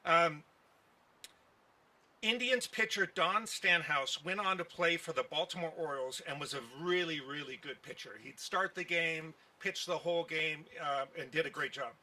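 Bright-voiced older man at press conference. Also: fairly high pitch, normal speed. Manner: folksy storytelling with many fillers. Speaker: baseball team executive. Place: outdoor park event. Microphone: podium microphone on stand.

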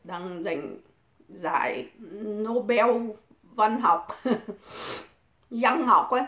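A woman's voice: mid-range voice, expressive, drawn-out words, sharp tone. A woman, crudely taunting and cursing in a mocking livestream rant. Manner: mocking, provoking, swears constantly. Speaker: livestream host. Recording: echoey room.

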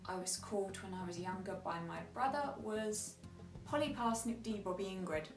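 A woman's voice: mid-range voice, animated, moderate pace, roomy sound, distant mic, music in the background, rough recording. A woman chatting casually to camera as a vlogger, rambling and correcting herself as she goes.

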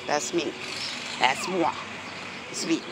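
A woman's voice: low voice, slow pace. A middle-aged woman rambles casually as she walks outdoors, thinking aloud and repeating phrases into a phone held at arm's length. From New York City. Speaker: vlogger. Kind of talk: casual walking vlog chat. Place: outdoors, walking along busy city streets. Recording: noisy outdoor city street recording. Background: traffic and street noise.

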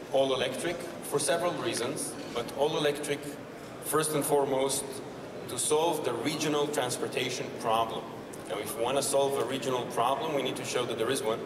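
A man in his thirties giving a conversational conference talk on a stage, with wry asides. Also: mid-range voice. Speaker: company founder presenting. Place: exhibition hall stage. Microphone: handheld mic, far camera. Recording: roomy hall from far off, noisy.

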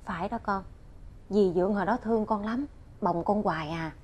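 A woman's voice: mid-range voice, normal speed, darkish tone, natural voice. An actress playing an earnest, grateful middle-aged mother with a southern Vietnamese accent in a television drama. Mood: earnest pleading.

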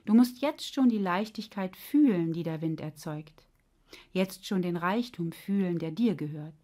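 A woman voicing a wise, patient heart that explains things gently and sometimes grumbles. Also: fairly low pitch, animated, a little slow.

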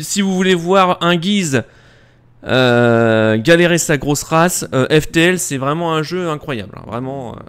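A male streamer talking over his game, loose and foul-mouthed with sudden excited shouts. His voice comes through smooth and clear on a close mic. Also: mid-range voice. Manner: crude, joking, excitable outbursts. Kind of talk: live gaming commentary.

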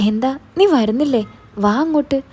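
A quick-tempered older sister who teaches school and nags her little brother, yet is soft on him underneath, voiced by a woman telling the story. Her voice sits slightly high and sounds mellow. It carries a husky, breathy edge. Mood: impatient. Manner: scolding, exasperated, then tender. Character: scolding adult older sister, quick-tempered but loving.

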